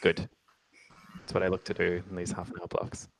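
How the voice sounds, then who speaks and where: A man's voice: low voice, monotone, brisk, vocal fry. A man teaching music theory in a casual one-on-one lesson, chatty and explaining step by step, with playful jokes and self-teasing asides. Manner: chatty explaining with many ums and okays.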